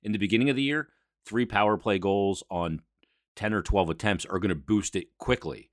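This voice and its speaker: A man's voice: fairly low pitch, normal speed, no echo, clean studio sound. A man hosting a sports podcast, giving a conversational, explanatory solo recap with emphatic asides.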